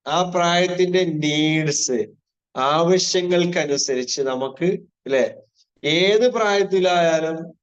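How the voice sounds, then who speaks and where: A man with a high voice gives a live online parenting lecture. He keeps asking his listeners rhetorical questions, repeats his key phrases and drops in English terms. The stream audio sounds dull and lo-fi. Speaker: parenting trainer.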